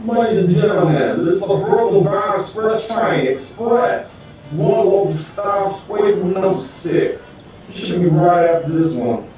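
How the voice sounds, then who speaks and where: A man's voice: high-pitched, measured pace, darkish tone, heavy reverb, faint music behind, voice pushed up, poor audio. A man voicing a brash male subway conductor who makes announcements and heckles passengers.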